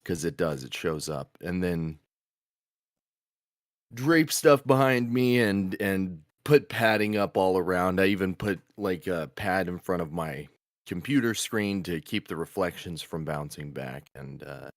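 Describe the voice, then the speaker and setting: A very deep-voiced man from Oklahoma talks shop as a voice actor in loose, casual chat. He rambles and restarts, laughing as he goes, and the padded booth he records in leaves his voice dry and close with no room sound. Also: lively intonation, unhurried, no echo. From Oklahoma, USA. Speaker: voice actor and show host.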